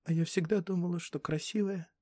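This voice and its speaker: Lovestruck noble teenage girl, earnest and easily hurt, voiced by a male audiobook reader, pitched up high. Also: animated, brisk, a little mellow, dry recording. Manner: high, eager, pleading tone.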